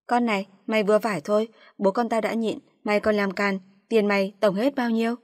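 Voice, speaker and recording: A woman's voice: medium pitch, steady tone, brisk, dry recording, clean studio sound, close to an everyday voice. A woman voicing a fed-up young sister-in-law who confronts sharply. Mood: confrontational.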